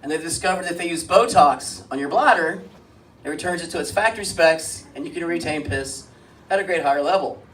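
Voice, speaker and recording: Man, high voice, stand-up comedian, deadpan crude one-liners, club mic heard from a distance. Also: brisk. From Springfield, US.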